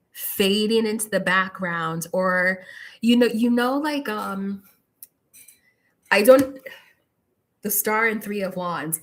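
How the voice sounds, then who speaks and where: A woman's voice: mid-range voice, fairly bright tone. A woman giving a live tarot reading, talking straight to the viewer with lots of "like" fillers and firm warnings. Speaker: tarot reader.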